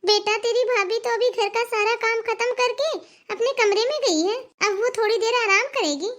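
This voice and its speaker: A woman voicing a patient middle-aged mother in a cartoon, calmly reasoning and coaxing her daughter. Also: extremely high pitch, moderate pace. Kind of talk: cartoon voice acting.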